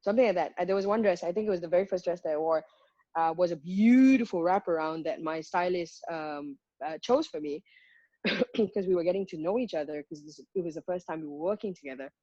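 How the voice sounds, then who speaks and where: A woman's voice: fairly low pitch, a little fast, warm tone, dry recording. Woman, candid and emphatic, dull dry lo-fi recording. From Malaysia. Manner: frank, reflective, emphatic with counted points. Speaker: guest singer. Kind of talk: candid conversational interview.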